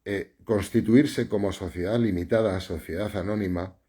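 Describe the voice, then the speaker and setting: Spanish guy teaching journalism on a live stream, deep husky voice, chatty, keeps tacking on "right?". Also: fairly even intonation, normal speed, mellow. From Spain. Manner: conversational, explanatory, many fillers and tag questions.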